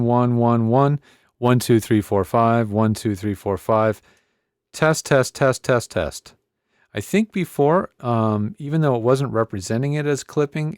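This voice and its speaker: This is a man whose voice sits on the low side, recorded dry, talking casually through a tech tutorial at home. The tech reviewer speaks into a condenser mic on a desk arm, chatty and at ease, with repeated mic checks and counting, while a computer hums softly in the background.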